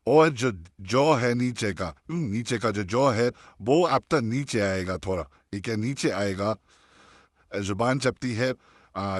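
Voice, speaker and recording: Male instructor, lowish voice, dry close recording, patient and repetitive, drawing out demo sounds. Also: no echo. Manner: patient, repeats sounds slowly for practice. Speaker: Tajweed teacher. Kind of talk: online class instruction.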